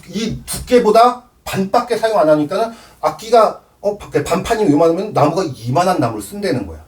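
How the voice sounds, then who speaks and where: A man's voice: high-pitched, a little mellow, distant mic. A man giving a cello lesson, explaining with props and counting aloud. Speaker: cello teacher. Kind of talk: demonstration lesson.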